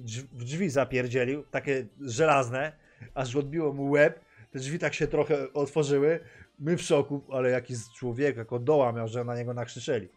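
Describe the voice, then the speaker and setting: A young Polish man spins animated vlog stories in a mid-pitched voice, hopping between his own language and broken, heavily accented English. He breaks into loud sudden exclamations, and faint music plays behind him. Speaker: gaming streamer vlogger. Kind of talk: casual storytelling vlog.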